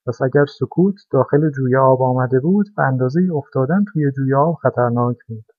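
A man's voice: mid-range voice, no room sound, close to an everyday voice. A man voicing a small, timid toy car that whines and insists in a childlike way, as a storybook character. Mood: wailing. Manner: whiny, insistent, easily frightened. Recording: dry, dull lo-fi recording.

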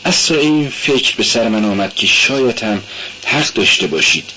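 Male reader as a brooding young student, low and uneasy, dull lo-fi sound. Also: lively intonation, bright, forceful tone, slight background noise.

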